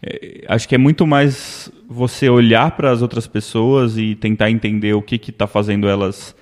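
A man's voice: on the low side, fairly even intonation, normal speed, a little mellow. A man with a Brazilian accent co-hosting a podcast, talking in a conversational way and often ending his phrases with a tag question. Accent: Brazilian Portuguese. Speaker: podcast co-host. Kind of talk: casual discussion. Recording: long reverb.

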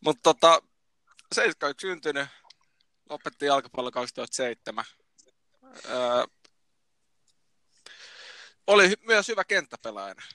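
A man co-hosting a casual podcast chat over a remote call, relaxed and chatty with hesitant fillers. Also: on the high side, pauses often, dry recording, studio quality. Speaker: podcast co-host. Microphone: remote call recording.

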